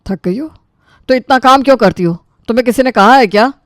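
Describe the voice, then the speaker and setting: A joking, kindly old father-in-law from an animated family story, played by a voice actor. He speaks gently and teasingly. The recording is dry and close. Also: extremely high pitch, a little fast, dry recording. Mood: concerned.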